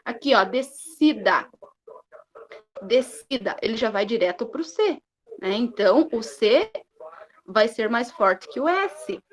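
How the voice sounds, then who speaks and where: A Brazilian woman teacher, with a Brazilian Portuguese accent, gives a recorded lesson in a fairly high, sing-song voice. She draws out her syllables slowly and checks in with students often using "né?" and "tá?". The recording quality is low.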